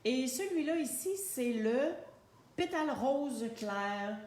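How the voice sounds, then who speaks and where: Slow-talking Québécois woman in an echoey room. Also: high-pitched, expressive, a little mellow. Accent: Québécois French. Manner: chatty, unhurried, narrating while she colors. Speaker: craft demonstrator. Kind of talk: live stamping and coloring tutorial. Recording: very echoey room, faint noise.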